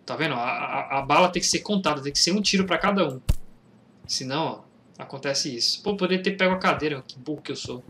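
A young Brazilian man commenting casually on a game he plays, reading its lines aloud and shouting in fights. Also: a little high, fast talker. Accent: Brazilian Portuguese. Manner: casual slangy, reads game dialogue aloud, excitable during fights. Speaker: gameplay youtuber. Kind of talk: let's play commentary. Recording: game noise behind voice. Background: train and game sounds.

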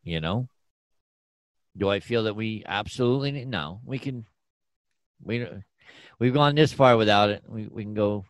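A man with a low, deep voice co-hosts a relaxed chat podcast. He talks easygoing and unhurried, often stumbling and restarting mid-sentence. The sound is dry and close, with no room echo. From Arizona, Phoenix area. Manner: easygoing, with frequent restarts and slow spelled-out plugs. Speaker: podcast co-host. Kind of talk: casual chat.

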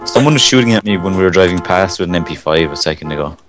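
A man's voice: low-pitched, expressive, racing, over music. A man making wry, offhand remarks while playing a multiplayer game. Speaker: gamer. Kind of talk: casual multiplayer gaming chat.

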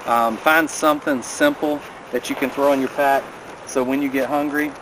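A man's voice: medium pitch, steady tone, normal speed. A man in his thirties giving a casual, practical rundown of hiking gear outdoors by a river, filmed on a camera a few steps away. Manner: friendly, practical, recommending. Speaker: vlogger. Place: outdoors by a river in a mountain valley. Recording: outdoor camera audio with clear background noise.

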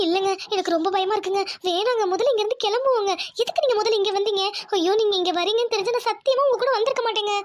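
A woman's voice: very high voice, racing, hardly any pauses. A woman voicing a timid young village wife. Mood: pleading. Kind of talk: cartoon voice acting.

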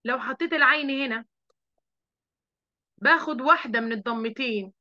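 Egyptian woman primary teacher, bright and lively, drills kids, dry close mic. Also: high voice, normal speed, no echo. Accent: Egyptian Arabic. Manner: lively, coaxing, drills children with questions. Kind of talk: online class teaching. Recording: dull lo-fi online audio.

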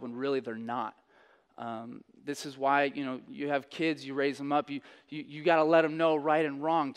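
A man's voice: a little high, clean tone. A young adult man, a pastor, telling a candid, self-deprecating personal story in his sermon. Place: church sanctuary. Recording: long church hall reverb.

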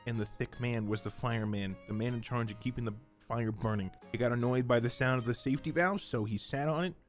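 A man reading aloud in a deadpan way during casual chat. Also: mid-range voice, fast, faint music behind. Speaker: co-host.

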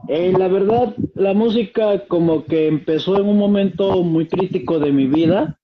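A man's voice: high-pitched, moderate pace, a little hiss or hum. A young man with a Peruvian accent answering interview questions over a webcam from a small room at home, polite and hesitant. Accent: Peruvian Spanish. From Peru. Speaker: guest singer. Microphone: video call, webcam. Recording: dull, dry video-call sound.

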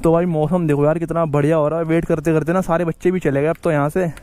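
A man's voice: a little high, level tone, quick pace, darkish tone. A young man chatting casually to the camera in his moto vlog, outdoors on a city street with friends. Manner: chatty, calls friends "bhai" and "yaar". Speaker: vlogger.

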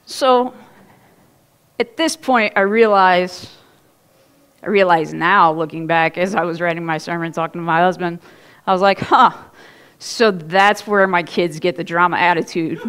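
A woman pastor from Ohio, in her thirties, preaches a sermon on a church stage in a casual storytelling style. She's chatty and animated, with laughs and asides, and her smooth voice sits on the low side at a measured pace.

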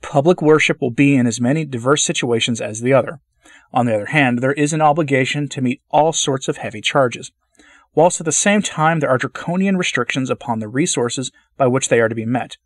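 A man reads a formal church letter aloud at a measured, deliberate pace, sometimes tripping on a word and starting it over. His voice sits at an ordinary middle pitch for a man. The recording is dry and close, with no room sound around it. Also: no room sound. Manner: measured, deliberate delivery with occasional stumbles and restarts. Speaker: channel host reading a papal letter aloud.

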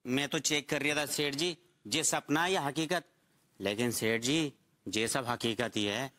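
A man's voice: mid-range voice, measured pace, pushed and bright. An actor playing a cheeky sidekick servant who teases and mangles his grammar. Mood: wondering. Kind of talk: TV sitcom acting.

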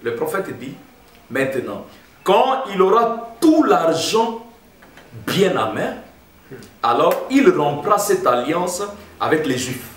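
A man's voice: on the high side, very animated, slow pace. A man preaching a sermon as pastor, emphatic and addressing the congregation as brothers. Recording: roomy echo, heard from a distance.

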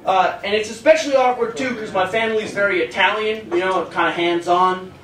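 A man's voice: high-pitched, brisk, crowd noise. An eighteen-year-old man doing a stand-up comedy routine as a self-deprecating, awkward storyteller into a handheld mic on a club stage. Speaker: stand-up comic. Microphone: handheld stage microphone, recorded from the audience. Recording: roomy club sound, distant, some noise.

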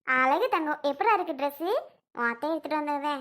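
A woman's voice: sits high, fairly quick, a bit bright. A woman playing a young mother who coos at her baby and fiercely protects it in a family drama skit. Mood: doting. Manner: chatty, fondly grumbling to the baby.

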